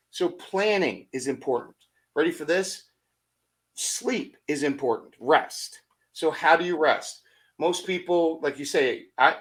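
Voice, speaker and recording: A middle-aged man in a motivational podcast conversation. His voice is bright and forceful and sits slightly high for a man. He tells stories with energy, throws out rhetorical questions and acts out his own thoughts in quoted asides. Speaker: podcast guest.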